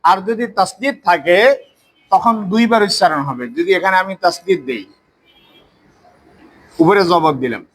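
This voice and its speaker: Sex: man. Role: Quran teacher. Pitch: high. Style: classroom recitation lesson, drilling sounds and answering his own questions. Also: expressive, normal speed, pauses often, a bit bright, poor audio. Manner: drills pronunciation, asks questions and answers them himself. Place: mosque classroom.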